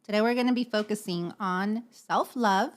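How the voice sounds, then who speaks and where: A woman's voice: medium pitch, moderate pace. Earnest woman podcast co-host. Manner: earnest, explains at length with fillers like "right?". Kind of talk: casual podcast chat.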